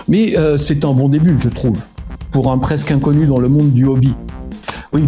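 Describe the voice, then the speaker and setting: A French miniature-hobby YouTuber chats casually with his subscribers in a vlog, his voice a little high with a dark tone. He rambles, pokes fun at himself, and hesitates a lot.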